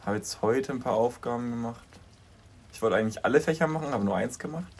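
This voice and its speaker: A young man co-hosting a podcast in casual chat, animated and quick to laugh as he tells stories. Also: mid-range voice, husky. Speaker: podcast co-host.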